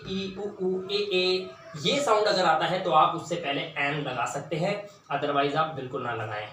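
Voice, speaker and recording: A man with a high, bright voice teaches grammar in a classroom style, asking questions and repeating words slowly for emphasis. He sounds far from the mic in a very echoey room, with a faint hiss underneath.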